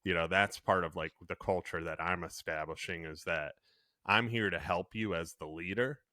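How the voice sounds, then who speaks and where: A man's voice: sits low, moderate pace, bright, forceful tone, dry recording, clean studio sound. A man co-hosting a podcast who talks in an earnest, reflective way with loose fillers. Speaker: podcast co-host. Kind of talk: casual podcast chat.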